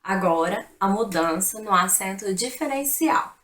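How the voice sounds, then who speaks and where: A woman's voice: medium pitch, animated, a little slow, a bit bright, roomy sound. A woman presenting a video lesson, speaking directly and in a friendly way to her viewers.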